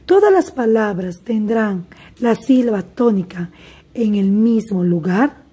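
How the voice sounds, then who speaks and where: Slow husky woman teaching a class. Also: medium pitch, animated, warm tone. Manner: slow, deliberate, addresses pupils directly. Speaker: primary school teacher. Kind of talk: recorded remote class lesson.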